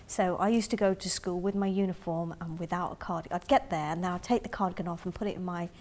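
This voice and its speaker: A middle-aged woman from Zambia telling her life story in an interview, thoughtful and halting, often restarting her sentences, recorded close up in a dark room. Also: on the low side, steady tone. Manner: thoughtful, halting, with frequent restarts and soft asides. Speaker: interviewee in a community film. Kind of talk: reflective personal storytelling.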